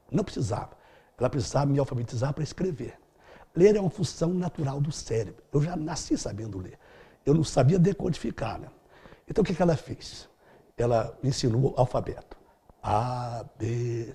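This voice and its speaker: A man's voice: fairly high pitch, creaky, warm tone, breathy edge. A middle-aged man answering interview questions as a speed-reading instructor, explaining in a didactic way with vivid everyday examples.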